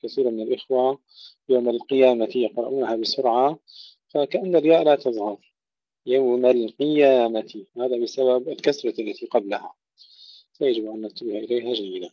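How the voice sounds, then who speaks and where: A man's voice: medium pitch, quick pace, dry recording, highs cut off. A man teaching Quran recitation rules, explaining precisely and repeating words to show correct pronunciation. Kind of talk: tajweed lesson explanation.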